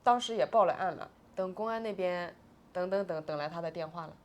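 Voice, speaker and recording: A woman's voice: lowish voice, fairly quick, darkish tone. A woman in her forties, an interview guest, telling a painful personal story with agitated, tearful swings between subdued and raised voice.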